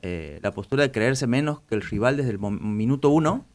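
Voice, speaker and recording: A man's voice: mid-range voice, animated, fairly quick, a little mellow. Hesitant Argentine man, reporter guest. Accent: Argentine Spanish. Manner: hesitant, many restarts and fillers, thinking aloud. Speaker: journalist guest back from covering the World Cup. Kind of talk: casual radio interview.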